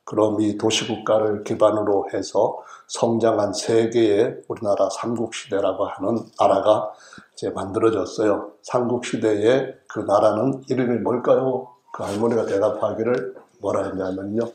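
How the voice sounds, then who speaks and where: Middle-aged Korean man from the central region, pastor; humorous, folksy sermon delivery, lowish voice, church echo. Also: steady tone, moderate pace, darkish tone. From Chungcheong region, South Korea. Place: church sanctuary.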